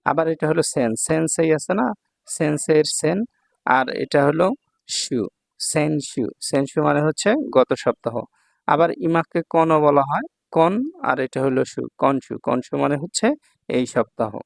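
Patient male kanji teacher, gravelly voice. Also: a little high, normal speed, no room sound. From Bangladesh. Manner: patient, repeats words and checks with "thik ache". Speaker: Japanese language teacher. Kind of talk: online kanji lesson.

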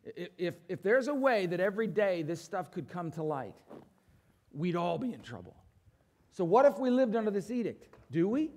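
With a sing-song delivery at a moderate pace, a middle-aged male pastor preaches from a church stage. His sermon alternates between emphatic, loud statements and low, quiet asides, and he asks the congregation for assent.

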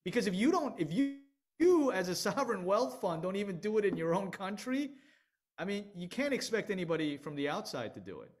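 A middle-aged man speaking on a video call in an online panel discussion, energetic and emphatic, often restarting his sentences. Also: high voice, fairly quick. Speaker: venture capital panelist.

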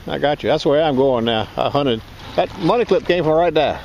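A man's voice: fairly high pitch, fairly quick, vocal fry, muffled recording. Chatty man detecting on a windy beach. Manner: relaxed, chatty, laughs often. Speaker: metal detecting vlogger. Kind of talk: casual chat while beach hunting. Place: outdoors on a beach, wading in shallow water.

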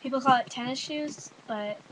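A woman's voice: sits high, normal speed, a bit bright. Chatty Canadian young woman on a webcam. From Ontario, Canada. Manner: chatty, rambling, says "like" and "I don't know" a lot. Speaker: vlogger. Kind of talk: casual accent tag video reading a word list. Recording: noisy webcam recording.

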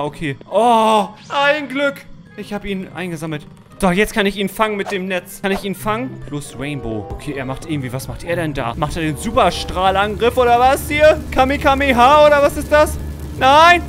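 A man doing let's-play commentary of a horror game, talking straight to his viewers, jumpy and quick to yelp and shout when startled. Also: high voice, expressive, faint music behind. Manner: keeps addressing viewers as friends. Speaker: gaming YouTuber.

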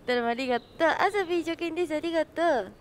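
High-voiced bubbly woman streaming outdoors. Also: fast talker. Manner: bubbly, greets chat, laughs often. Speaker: livestreamer. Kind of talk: casual live-stream chat. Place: outdoors, waiting with friends.

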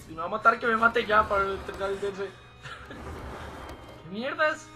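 A man's voice: sits high, moderate pace, sharp tone, faint music behind. A man commentating a horror game, jumpy and joking, swearing often. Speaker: gameplay commentator. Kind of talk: let's play commentary.

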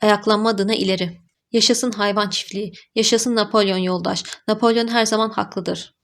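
A woman voicing a sly, smooth-talking male pig who speaks in a slow, theatrical and sentimental way in an audiobook. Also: mid-range voice, fairly even intonation, close to an everyday voice. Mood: falsely mournful.

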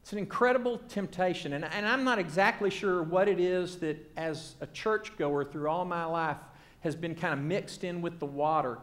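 A man preaching a sermon, earnest and rhythmic, building phrases by repetition and often letting them fall to a soft hush. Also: fairly high pitch.

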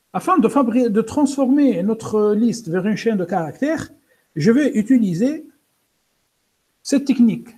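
Slow, hesitant high-voiced man teaching code. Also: dark tone. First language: French-speaking, pronounces English words poorly. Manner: hesitant, many fillers and restarts; explains step by step, addresses students directly. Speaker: programming instructor. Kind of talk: live coding lesson.

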